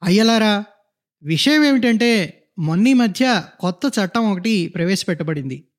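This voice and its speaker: A man's voice: high voice, lively intonation, normal speed. A man reading a story, voicing an elderly male activist who declaims to a street crowd. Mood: rousing. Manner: rousing, declaiming.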